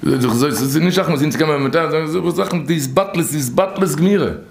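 A man telling stories from religious teachings in an informal, animated way, his voice leaping high and then dropping low. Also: a little fast, vocal fry. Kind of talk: informal storytelling talk. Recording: echoey room.

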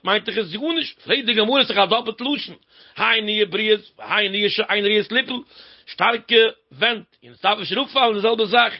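A man giving a religious storytelling lecture as a teacher, often repeating key words and phrases. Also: sits high. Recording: dull lo-fi recording.

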